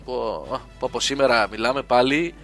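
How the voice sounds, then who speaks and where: A man talks games on a casual podcast, his voice bright and forceful. He explains eagerly and at length, dropping quick strings of agreement. Faint music runs underneath. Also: mid-range voice, creaky. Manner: enthusiastic, explains at length, many repeated yeses. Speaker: gaming podcast co-host. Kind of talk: casual chat about video games.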